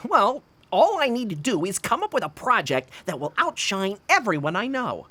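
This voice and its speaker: A woman voicing a proud, resentful young boy animal who snaps and shouts in a radio drama. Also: mid-range voice, big pitch swings, normal speed. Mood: sulky. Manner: prickly, resentful, bursts of shouting.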